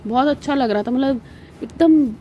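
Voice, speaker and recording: A woman with an Indian accent, a mother of young children, narrating her travel vlog in a relaxed, chatty way full of fillers. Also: fairly high pitch, moderate pace, lo-fi sound, a little hiss or hum. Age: adult with young children. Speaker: vlogger.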